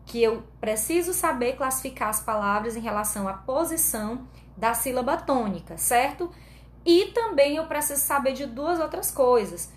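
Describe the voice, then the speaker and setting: A woman teacher with a Brazilian Portuguese accent giving an online grammar lesson, explaining patiently step by step and checking in with her students often. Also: fairly high pitch. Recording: echoey room with faint background noise.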